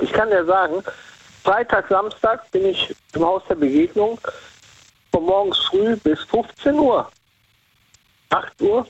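A husky, high-sitting male voice belongs to a caller from Cologne, Germany, phoning in to a radio show for a casual chat. He rambles loosely and repeats himself, and the phone line sounds muffled.

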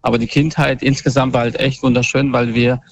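Creaky-voiced man on a phone line. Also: medium pitch, level tone, a little fast. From northern Bavaria. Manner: hesitant, many fillers and restarts. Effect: phoned in over a dull, lo-fi phone line. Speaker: caller. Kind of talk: casual call-in storytelling.

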